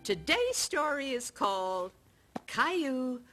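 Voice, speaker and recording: A woman narrating a children's cartoon story in an expressive storytelling manner. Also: high voice, slow pace, noisy background. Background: music.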